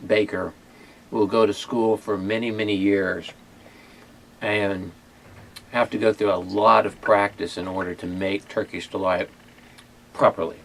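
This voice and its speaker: A man hosting a casual food tasting video, talking in a halting way with many pauses and fillers. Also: on the low side. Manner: hesitant, many fillers and restarts. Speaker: ministry owner and host. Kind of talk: casual chat and taste test.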